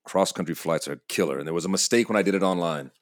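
A man playing an anxious, exasperated airline passenger at breaking point, halting and stammering in a comedic drama. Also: low voice, lightly acted. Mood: frustrated, weary. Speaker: airline customer. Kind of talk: naturalistic comedic drama acting.

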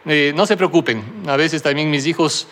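A middle-aged male pastor with a noticeably high voice for a man preaches a sermon. He tells his story in a conversational way, checking in with the congregation through constant tag questions. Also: moderate pace, a bit bright. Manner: self-deprecating humor.

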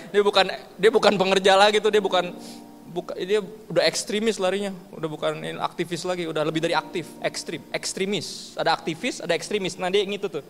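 A male pastor with an Ambonese accent, preaching casually in slang and acting out conversations. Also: a little high. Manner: casual slang-filled preaching, acts out dialogue. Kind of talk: sermon. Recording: long hall reverb with faint music.

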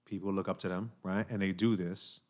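A man from New York hosting a casual podcast chat, animated, repeating himself and filling with "like" and "right?". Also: low voice, fairly quick. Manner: animated, talks with hand-wavy fillers and repeats himself. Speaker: podcast host.

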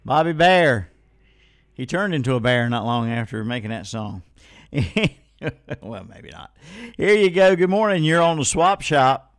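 A man with a medium-pitched, animated voice hosts a live radio call-in swap shop and music show, speaking at a measured pace. His style is casual, folksy and rambling, and he playfully repeats himself. He's in a radio studio on a close studio microphone, and the sound is studio quality with no echo.

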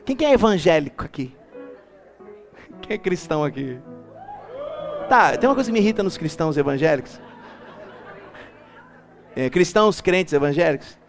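A man preaching a lively church sermon as bishop, calling the congregation to repeat after him and building up to shouts. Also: on the high side, normal speed, long pauses, soft background music, some chatter behind. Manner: animated, rising to shouts, calls congregation to repeat.

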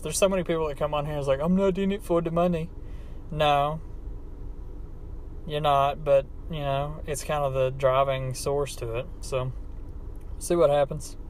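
A man with an Appalachian hillbilly accent recording a casual, unscripted, profane and self-deprecating podcast monologue in a car. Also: medium pitch. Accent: Appalachian hillbilly American. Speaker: podcast host. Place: inside a car. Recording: background car noise, amateur setup.

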